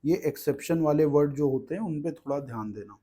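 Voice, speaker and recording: A man's voice: a little high, fairly quick, warm tone. A man teaching an exam-prep grammar lesson, explaining patiently and checking in with the class again and again. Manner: explains patiently, asks "ठीक है" often.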